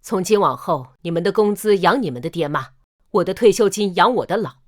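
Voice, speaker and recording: A woman's voice: on the low side, lively intonation, a little fast. An actress playing a fed-up older mother-in-law standing up for herself, pointed and sardonic, in a melodramatic short drama. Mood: cold resolve.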